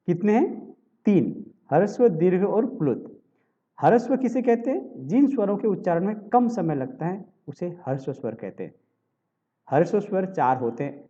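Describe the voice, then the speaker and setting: A man teaching a Hindi grammar lesson for exam preparation, explaining step by step and often pausing to check in with his students. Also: high-pitched, dark tone, lo-fi sound. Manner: explanatory, checks in with repeated tag questions.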